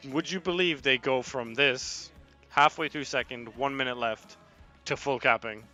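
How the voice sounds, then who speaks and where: Faint music plays behind a young esports head coach as he casually talks through match footage on a livestream, chatting with viewers and occasionally swearing. He has a mid-range voice with a bright, forceful tone and speaks a little slowly.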